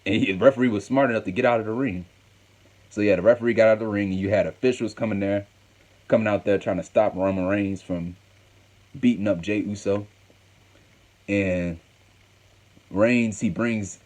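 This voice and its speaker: Man, host, low voice, casual wrestling recap, rambling, repeats himself. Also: normal speed, long pauses, darkish tone.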